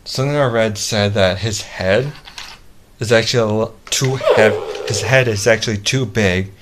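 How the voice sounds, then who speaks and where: A man giving a casual product demonstration as a reviewer, speaking haltingly and often repeating and restarting his phrases. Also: on the low side, fairly bright tone. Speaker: toy reviewer. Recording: clearly noisy home-video recording.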